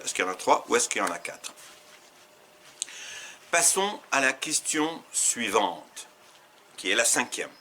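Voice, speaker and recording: A man teaching, who reads out quiz questions to learners and slowly repeats each set of answer choices. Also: mid-range voice, bright, forceful tone, a little hiss or hum. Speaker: Arabic teacher.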